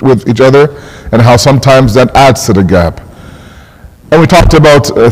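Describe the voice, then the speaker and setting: A man's voice: medium pitch, darkish tone. A man who grew up in Canada giving a conversational religious lecture to a congregation in a mosque hall, often repeating words as he searches for phrasing.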